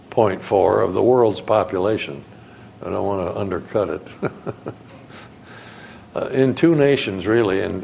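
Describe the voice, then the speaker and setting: An older man from New England giving a sermon in a conversational, folksy storytelling way with soft chuckles. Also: medium pitch, creaky, a little hiss or hum. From Connecticut, New England. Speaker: guest preacher.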